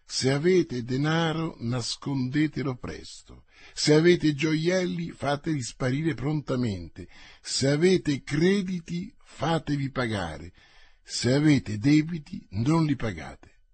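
A man voicing a bold, shrewd young musketeer, speaking in emphatic, measured warnings. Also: fairly high pitch, lively intonation, a little mellow, breathy edge, no echo, heavily acted. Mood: urgent.

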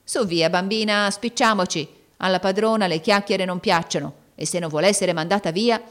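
A woman's voice: mid-range voice, normal speed, fairly bright tone, natural voice. A woman reading an audiobook, voicing a brash, mocking maidservant of fifty who talks impatiently and brusquely.

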